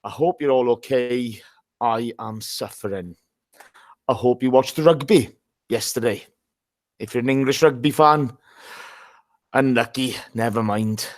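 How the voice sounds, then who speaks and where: A hungover man hosts a casual live football show in a blunt, matey manner. His voice is mid-pitched and recorded close and dry, with very little room sound. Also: moderate pace, no echo.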